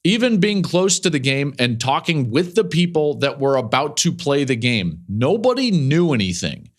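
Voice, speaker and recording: Middle-aged male podcast host, chatty and casual, mid-range pitch, easygoing filler-heavy delivery. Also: sing-song, normal speed. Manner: chatty, conversational, frequent fillers. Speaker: podcast host and football analyst.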